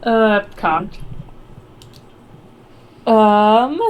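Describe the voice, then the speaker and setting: A woman playing in a tabletop game, relaxed and conversational. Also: medium pitch, drawn-out words, clean tone. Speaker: player. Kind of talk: tabletop role-play.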